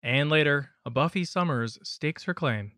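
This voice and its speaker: A man's voice: a little high, animated, normal speed, bright, forceful tone. A man, co-hosting a gaming podcast with casual, conversational talk. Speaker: podcast co-host.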